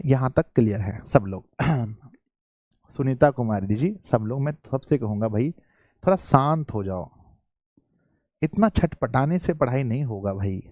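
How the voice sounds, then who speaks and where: A man teaching a live online class to students, repeating each question and often clearing his throat. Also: mid-range voice, mellow, no echo, studio quality.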